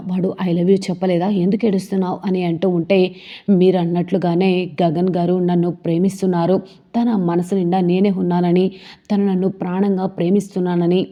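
A woman retelling a TV serial episode, reading every character's lines in her own steady voice. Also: lowish voice, lo-fi sound. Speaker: serial recap narrator.

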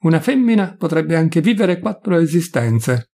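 A man's voice: fairly high pitch, very animated, moderate pace, vocal fry, a little mellow, voice pushed up, full character voice. A man voicing a bitter, spiteful maimed older man who mutters in a story reading.

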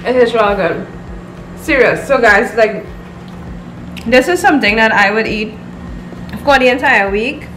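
A woman's voice: fairly high pitch, unhurried, long pauses, fairly bright tone, roomy sound, slight background noise, rough recording. Chatty woman with a lilt. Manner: chatty, upbeat, talks straight to viewers. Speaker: cooking vlogger. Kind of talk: casual home cooking vlog. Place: home kitchen, indoors.

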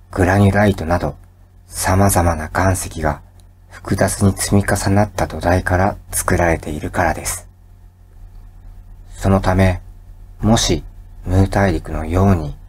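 A man with a very low, husky and breathy voice narrates like bedtime pillow talk. He reads at a slow, measured pace, calm and soothing, as a hushed lecturer helping a listener drift off to sleep. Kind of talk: soft pillow-talk scripted narration for falling asleep.

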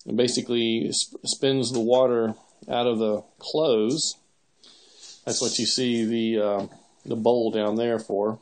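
Slow and darkish in tone, a man with a mid-range voice and little pitch movement narrates a cooking demo he's filming in his own kitchen. He's the channel host, explaining each step casually with the odd small laugh. Sound comes from a handheld camera mic.

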